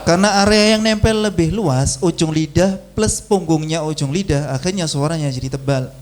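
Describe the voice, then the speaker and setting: A man teaching Quran recitation in a mosque class, drilling syllables slowly and reciting aloud. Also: a little high. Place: mosque by a busy road. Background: faint traffic hum.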